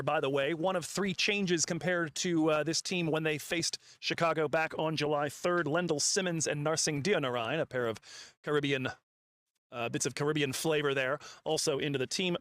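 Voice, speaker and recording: Male play-by-play cricket caller, stat-heavy, somewhat high voice, dry sound. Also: a bit bright, dry recording. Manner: calls the action, quotes stats, frequent fillers. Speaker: cricket commentator. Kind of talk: live play-by-play commentary.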